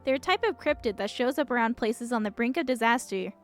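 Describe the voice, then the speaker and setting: A woman with a fairly high, natural, animated voice reads quickly as an eager, chirpy young monster researcher in a visual novel. She sounds upbeat, with music playing behind her.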